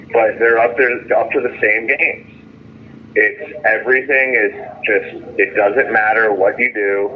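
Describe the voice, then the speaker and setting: The caller is a jailed detainee with a lowish voice on a tinny, noisy phone connection. He stumbles and restarts, saying things more than once, as he angrily and emphatically tells his story of grievances, quoting what others said.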